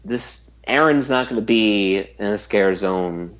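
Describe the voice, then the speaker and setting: A man's voice: lowish voice, a little slow. A man co-hosting a casual podcast, tossing out sarcastic quips. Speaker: podcast co-host. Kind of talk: casual chat. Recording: slightly dull lo-fi sound.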